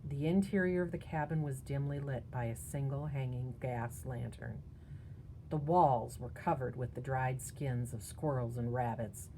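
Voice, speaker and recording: A woman narrating a spooky children's story in a measured, hushed storytelling manner. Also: rumbling low, fairly even intonation, slight background noise, rough recording. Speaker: audiobook narrator.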